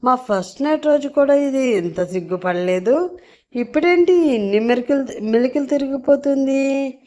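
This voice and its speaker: A woman's voice: high-pitched, expressive, moderate pace, mellow, voice pushed up. A woman voicing a scared, henpecked husband who pleads in a tearful voice. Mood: timid, pleading.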